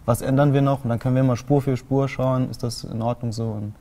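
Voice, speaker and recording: A young man from Saarland answers interview questions about his band at length, pausing on fillers as he goes. His voice is dark and mellow and stays quite level. The sound is that of a small TV studio. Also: medium pitch, steady tone. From Saarland, Germany. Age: 20s. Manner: long explanations with many fillers. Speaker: band guitarist. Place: small TV studio with colored lights.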